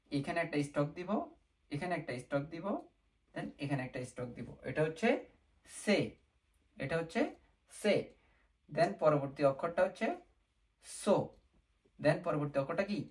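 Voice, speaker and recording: A man's voice: fairly high pitch, moderate pace, long pauses. Patient man teaching beginners aloud. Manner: patient and repetitive, drills sounds aloud, rhetorical questions; sprinkles English words into speech. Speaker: language teacher. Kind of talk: step-by-step beginner lesson.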